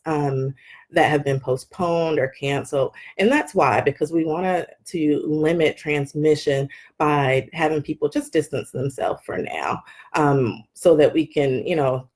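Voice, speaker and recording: A woman doctor giving a live health update from her wellness clinic, calm and explanatory, often pausing with um. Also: a bass voice. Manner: calm, explanatory, with frequent ums.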